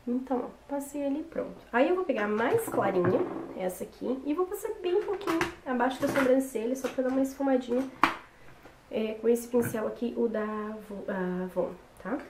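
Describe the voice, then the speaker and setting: Casual tutorial host: young woman, voice hoarse from a cold, recorded in a roomy bedroom with faint noise. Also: a little high, animated, normal speed. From Brazil. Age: young adult. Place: small bedroom, indoors. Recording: roomy echo with background noise.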